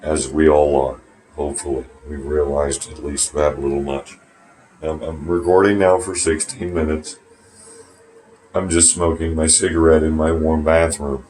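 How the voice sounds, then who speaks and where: A man's voice: extremely low pitch, flat delivery, measured pace, a little mellow. A man talking to his phone camera from a small bathroom, rambling, swearing, and turning sarcastic. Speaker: vlogger. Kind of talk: rambling casual monologue to camera. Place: small warm bathroom at home.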